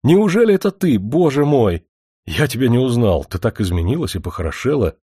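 Reader as a pompous, flustered writer, voice leaping up in outbursts, dry close sound. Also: male voice, on the low side, expressive, quick pace, a little mellow, slightly rough, no room sound. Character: indignant middle-aged male writer, flustered and rhetorical.

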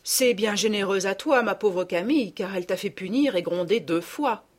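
A woman voicing a calm, kind mother in a storybook reading, speaking softly. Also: medium pitch, normal speed, natural voice. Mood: gentle.

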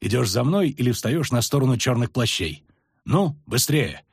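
A man voicing a grim middle-aged male witcher who speaks low and clipped through gritted teeth, in an audiobook. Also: expressive, normal speed, gravelly, breathy edge, dry recording, clean studio sound.

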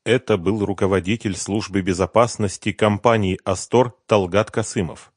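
A man reading a novel aloud as narrator in an even storytelling manner. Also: lowish voice, normal speed, no room sound, clean studio sound. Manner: even storytelling, voicing all characters. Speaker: audiobook narrator. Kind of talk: scripted narration.

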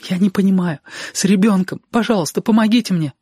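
Panicked young girl, high and strained, read by a male narrator. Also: drawn-out words, mellow, slightly rough, no echo, studio quality, exaggerated voice. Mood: pleading. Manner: breathless, pleading, near tears. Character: terrified teenage girl, desperate.

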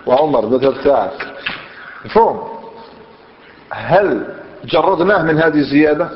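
Male teacher, slightly high voice, questioning style; lo-fi recording with a long reverb. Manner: quizzes students with questions, mixes dialect into classical explanation. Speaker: Islamic scholar teaching Arabic grammar. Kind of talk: classroom grammar lesson. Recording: dull lo-fi sound, long hall reverb.

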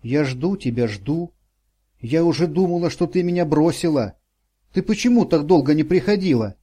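A man's voice: a little high, animated, normal speed, warm tone. A man voicing a frightened, blind elderly woman who pleads and sobs. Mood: pleading, alarmed. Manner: sobbing, pleading, panicky.

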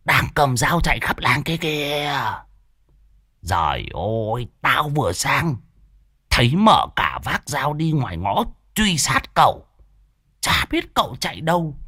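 Brief: a boastful, jumpy old villager, exclaiming loudly, voice rising and falling, as the narrator puts him on. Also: male voice, fairly high pitch, sing-song, unhurried, husky, dry recording, studio quality, pitched above the performer's own voice, heavily acted. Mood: rattled. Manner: loud exclamations, boastful and rattled. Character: blustering old village man, easily frightened.

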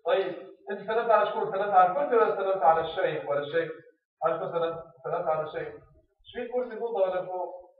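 A Tunisian man teaches a classroom lesson, pressing his students with question after question at a quick clip. His voice sits fairly high for a man. It comes through a tinny, phone-like channel, heavily echoey and from well off the mic. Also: recorded from a distance. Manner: quizzes the class with repeated questions.

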